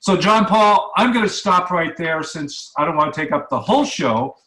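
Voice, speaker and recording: A man's voice: a little high, animated, normal speed, bright, forceful tone, echoey room. A man hosting a radio interview show, chatting casually with lots of fillers and repeated words. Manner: conversational, with many fillers and repeats.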